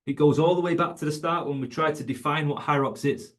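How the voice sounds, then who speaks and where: In an online webinar for coaches, a fitness educator talks fast in a fairly high voice. He stays emphatic and conversational, returning again and again to his main points.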